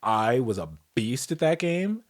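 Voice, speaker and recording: A young man co-hosting a podcast chat, with an even, mid-range voice. He explains things calmly and lets his sentences drift down to a quiet finish. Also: mid-range voice, unhurried. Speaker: podcast co-host. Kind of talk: casual chat.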